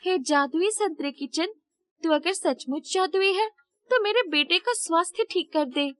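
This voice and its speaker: Voicing a poor young mother in a Hindi moral-story cartoon, a woman pitches her voice very high, far above her everyday register. She's earnest and emotional with a devoted, pleading edge, pleading and amazed, speaking a little slowly in a slightly bright tone with no echo.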